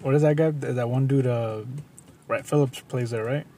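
A man's voice: mid-range voice, fairly even intonation, moderate pace, mellow, slight background noise. A man co-hosting a casual sports chat, rambling with many restarts and saying "dude" constantly. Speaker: podcast co-host.

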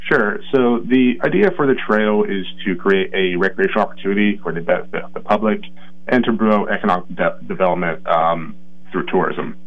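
A man's voice: low voice, fairly quick. A man who is a county planning coordinator, calling in by phone to a radio interview and explaining carefully with frequent rephrasing. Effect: heard over a phone line. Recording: muffled lo-fi phone line.

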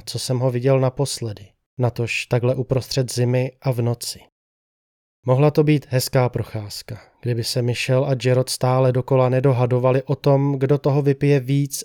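A man reads a first-person horror story as scripted narration, delivering it in a measured, steady storytelling style. His voice is mid-range, and the clean studio recording has no room sound.

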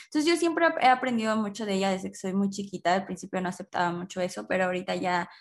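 A woman's voice: medium pitch, quick pace. A woman with a Mexican accent hosting a podcast, responding enthusiastically and chatting casually with her guest. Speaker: podcast host. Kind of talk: casual conversation.

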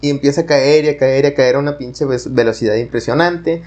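Man, Mexican accent, casual storytelling, rambling, heavy slang, mid pitch. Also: quick pace, a little mellow, dull audio. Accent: Mexican Spanish. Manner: rambling, slangy, many fillers.

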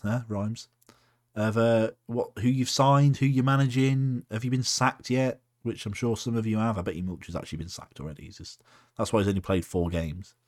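A man's voice: lowish voice, fairly even intonation, moderate pace. A man co-hosting a podcast in casual banter, jokey, swearing freely and laughing often. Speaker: podcast co-host.

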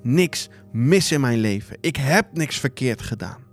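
A man's voice: mid-range voice, lively intonation, a little slow, soft background music, close to an everyday voice. A man voicing Job in a Bible retelling, a suffering man who protests his innocence in a pleading, indignant way.

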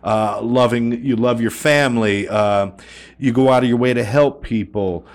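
A man's voice: mid-range voice, moderate pace. Guy hosting an interview, supportive, asks long rambly reflective questions. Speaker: host interviewer.

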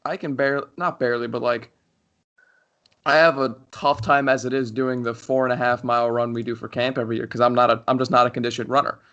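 A man's voice: mid-range voice, steady tone, fast talker, fairly bright tone, muffled recording. A young man co-hosting a hockey podcast, talking in a rambling casual way with many restarts. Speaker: podcast co-host. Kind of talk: casual chat.

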